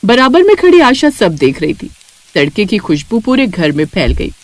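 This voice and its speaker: A woman giving scripted narration for a cartoon story, steady storytelling. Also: mid-range voice, normal speed, no echo.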